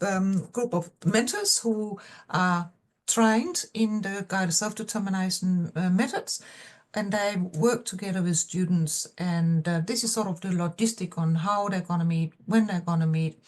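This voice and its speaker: A Danish-accented woman whose native language is Danish, a professor, gives a research seminar talk over video call. Her medium-pitched delivery is hesitant, full of pauses and fillers.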